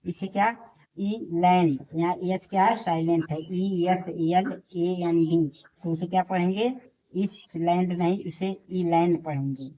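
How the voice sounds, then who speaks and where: A woman's voice: lowish voice, warm tone, poor audio. A woman teaching a lesson, spelling each word letter by letter and saying it again and again. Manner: spells words out letter by letter, slowly; repeats each word many times. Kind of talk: classroom lesson.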